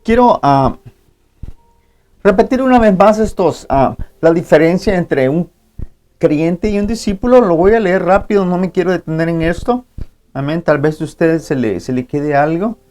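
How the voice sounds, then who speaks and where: A man's voice: sits high, moderate pace, darkish tone. Spanish-speaking male pastor preaching a sermon. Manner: preacherly, reads scripture aloud, addresses congregation as brothers; frequent interjected amén and ¿verdad?. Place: church.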